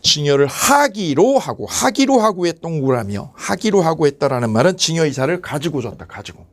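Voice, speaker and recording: A man teaching an exam-prep law class, asking quick questions and answering them himself. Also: fairly high pitch. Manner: animated, asks and answers his own questions. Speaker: lecturer.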